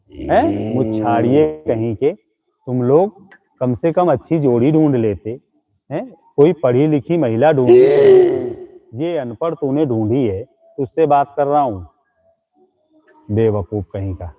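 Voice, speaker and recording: A man hosting a comic live stream, mockingly scolding and insulting imaginary ghosts with teasing jabs. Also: on the high side. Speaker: live-stream comedy host. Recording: tinny phone-like audio.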